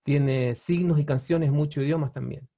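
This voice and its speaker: This man's voice is a little high and dark, with a steady tone at normal speed, and the recording sounds muffled. A language teacher, he runs a webinar on language-learning websites, explaining easily with many fillers and restarts and frequent check-ins with viewers.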